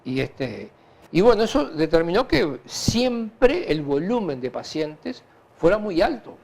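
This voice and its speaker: Man, Uruguayan Spanish accent, slightly high pitch, very lively intonation, halting, repetitive, conversational interview guest. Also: creaky. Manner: animated, halting and repetitive, with frequent filler tags. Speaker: interview guest, hospital director. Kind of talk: conversational interview answers, anecdotal.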